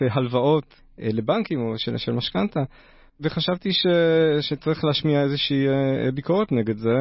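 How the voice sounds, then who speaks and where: A man speaks as an interview guest in a gravelly, creaky voice. He tells his story conversationally, stopping and searching for words. The recording is dry and somewhat dull. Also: medium pitch, no room sound. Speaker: interview guest, university teacher and activist artist.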